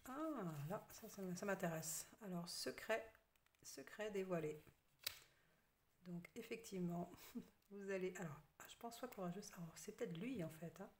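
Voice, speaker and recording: A woman giving a casual tarot card reading, hesitant with many fillers and soft half-whispered asides. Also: medium pitch, moderate pace, a little hiss or hum. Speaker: tarot reader.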